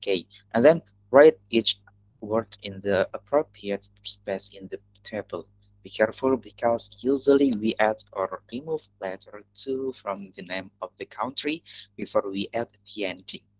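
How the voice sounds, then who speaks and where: A man with an Indonesian accent teaching an English lesson in an online class, talking in halting phrases that he often restarts. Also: on the low side, darkish tone, no room sound, muffled recording.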